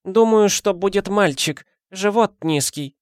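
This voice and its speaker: A man voicing a stern, sharp-tongued old village woman who scolds and warns. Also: high-pitched, measured pace, smooth, no room sound, studio quality, voice pushed up. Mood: sweet, polite. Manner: scolding, warning.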